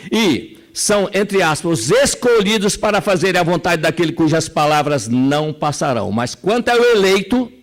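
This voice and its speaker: A man with a Brazilian Portuguese accent leading a spiritist study lesson, retelling a parable in an animated way and addressing the group directly. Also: sits high, moderate pace, few pauses. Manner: animated, acts out characters, addresses the audience directly.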